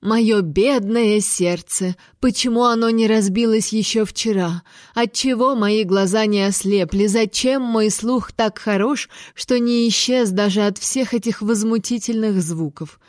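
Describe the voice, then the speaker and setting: A woman's voice: mid-range voice, darkish tone, no room sound, studio quality, natural voice. Woman doing a melodramatic scolding baroness. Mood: indignant. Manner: melodramatic, slow and declamatory. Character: middle-aged baroness mother, theatrical, scolding.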